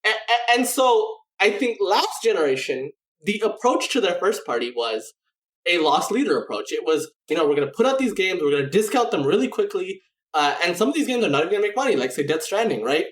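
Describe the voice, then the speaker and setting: Animated, rambling man on a gaming podcast. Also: high-pitched, fairly quick, echoey room, a little hiss or hum. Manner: rambling, animated, many restarts and "you know"s. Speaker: podcast co-host. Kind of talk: casual gaming podcast chat.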